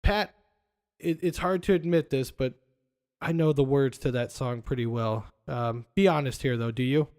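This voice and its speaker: A man's voice: medium pitch, moderate pace, darkish tone. A man hosting a casual podcast, retelling movie scenes and quoting lines with frequent laughs. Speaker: podcast host.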